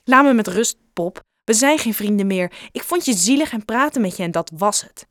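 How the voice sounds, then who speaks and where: A woman's voice: mid-range voice, animated, normal speed, no room sound, clean studio sound, natural voice. A woman voicing an irritable, angry schoolboy who snaps his lines in a children's audiobook. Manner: curt and snapping. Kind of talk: audiobook character voice.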